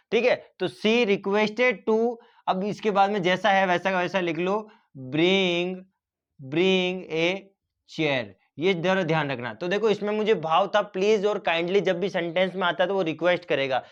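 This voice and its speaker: A man's voice: high-pitched, normal speed, dull audio. A man teaching a grammar lesson, explaining step by step and asking and answering his own questions.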